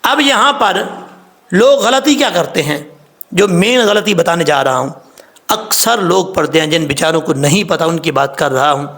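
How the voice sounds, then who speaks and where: High gravelly male tajweed teacher. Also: a bit bright. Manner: patient step-by-step explaining, spelling out sounds slowly; stresses common mistakes and repeats rules. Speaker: Quran recitation teacher. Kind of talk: tajweed lesson.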